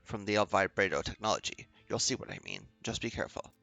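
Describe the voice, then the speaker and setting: A man's voice: lowish voice, big pitch swings, fast talker, gravelly, pushed and bright, exaggerated voice. A man reading the lines of an eccentric male professor and inventor, talking in eager explanations.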